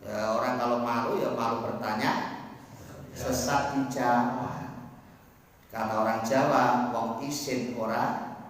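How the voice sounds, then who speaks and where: Slow-talking religious teacher in an echoey hall. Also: male voice, medium pitch, level tone, far from the mic, a little hiss or hum. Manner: unhurried, demonstrates chanted recitations. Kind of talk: informal religious lesson.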